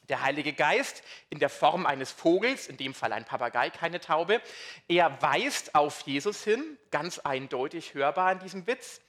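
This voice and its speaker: A man preaching a sermon in a lively, conversational way, asking his congregation questions. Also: on the high side, measured pace.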